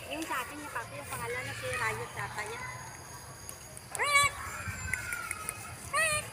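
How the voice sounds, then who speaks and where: High-voiced woman coaxing her dogs. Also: fast. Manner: coaxing baby talk to dogs, mixing Tagalog and English. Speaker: vlogger and dog trainer. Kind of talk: casual chat with dogs outdoors. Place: park outdoors. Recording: outdoor noise behind.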